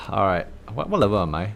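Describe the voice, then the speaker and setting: A man's voice: lowish voice, normal speed, vocal fry, slight background noise. A man from Singapore with a Singaporean English accent, giving loose, joking commentary on a game livestream, swearing and crying out often. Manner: animated, swearing, joking, frequent exclamations. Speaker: game streamer. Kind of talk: casual livestream gaming commentary.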